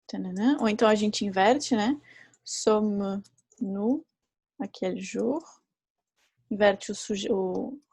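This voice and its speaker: Woman, teacher, online class, unhurried delivery, soft mellow tone. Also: mid-range voice, no room sound. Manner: patient, repeats examples slowly. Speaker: French teacher.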